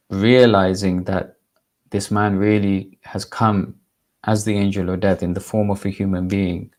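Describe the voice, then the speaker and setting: Man telling a measured religious story. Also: sits low, darkish tone. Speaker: religious teacher.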